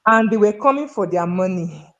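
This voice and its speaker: A woman from North Central Nigeria, with a Nigerian accent, is a human resources professional appearing as a talk show guest. She tells stories and gives opinions emphatically in conversation, fond of rhetorical questions. Her mid-range voice has lively intonation and a moderate pace, though the recording is muffled.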